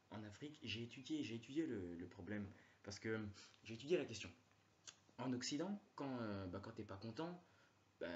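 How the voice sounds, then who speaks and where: A man's voice: medium pitch, darkish tone, dull audio, a little hiss or hum. A man doing a stand-up comedy monologue, rambling and slangy, with many fillers.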